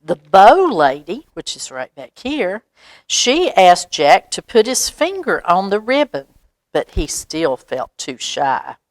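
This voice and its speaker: Here a library storyteller reads a picture book out loud to children in a mid-range voice on a dry recording. She reads expressively, pausing now and then for asides and questions to the little ones.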